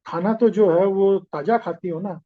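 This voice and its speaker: A man voicing a gentle, kindly wandering holy man who asks soft questions, on a slightly dull recording. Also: high voice, measured pace.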